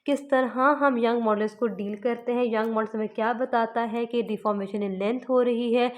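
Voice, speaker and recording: A woman physics teacher from Pakistan giving a lecture, explaining step by step and slowing down to spell out formulas. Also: on the high side, steady tone, a little mellow. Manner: explains step by step, mixing English terms into Urdu.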